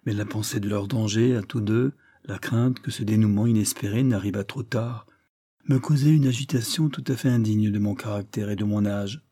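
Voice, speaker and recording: A man reading a novel aloud in an earnest, measured first-person narration. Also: fairly low pitch, fairly even intonation, mellow, no room sound, studio quality. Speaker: audiobook narrator.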